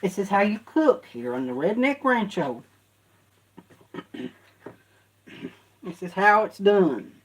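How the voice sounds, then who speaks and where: A woman's voice: medium pitch, slight background noise. A woman talks herself through cooking in her home kitchen, rambling and repeating herself in a folksy way. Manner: rambling, repetitive folksy self-talk. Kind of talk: casual cooking commentary.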